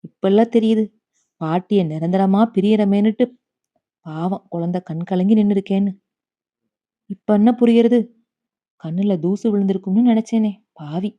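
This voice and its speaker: A grieving old grandmother, as a woman storyteller puts her on, stubborn and tender, who scolds and then speaks with quiet bitterness. She comes through a slightly dull, muffled audiobook recording. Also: mid-range voice, moderate pace, long pauses, natural voice. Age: over 60.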